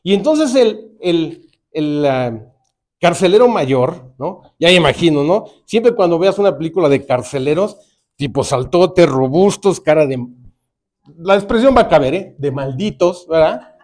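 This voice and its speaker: A male preacher with a Mexican accent, delivering a sermon as animated storytelling full of rhetorical questions. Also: on the high side, measured pace.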